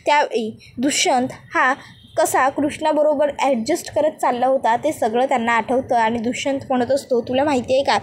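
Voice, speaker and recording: A woman recounts a TV serial episode in a steady storytelling voice. Her pitch sits high, and faint noise hums behind her. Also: moderate pace. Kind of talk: storytelling recap.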